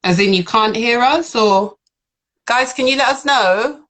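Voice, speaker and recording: A woman's voice: a little high, unhurried, fairly bright tone. A woman hosting a live video chat, chatty and supportive, turning to speak to viewers. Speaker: host.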